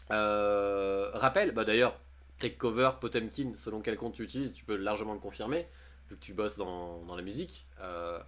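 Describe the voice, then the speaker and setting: A man chatting casually on a livestream, reading posts aloud and commenting on them with jokes and frequent laughs. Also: mid-range voice. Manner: chatty, jokey, often laughing. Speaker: streamer.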